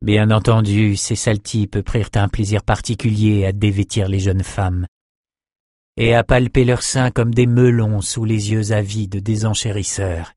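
A man's voice: lowish voice, level tone, a little slow, darkish tone, dry recording, studio quality. Man reading an audiobook steadily. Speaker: audiobook narrator. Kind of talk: audiobook narration.

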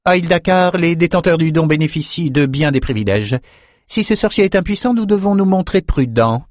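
A man reading an audiobook, voicing an imperious woman sorcerer-ruler in a higher voice. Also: lively intonation, fairly quick, darkish tone, dry recording, clean studio sound, close to an everyday voice. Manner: commanding, imperious. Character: haughty woman sorcerer-ruler of a magic city.

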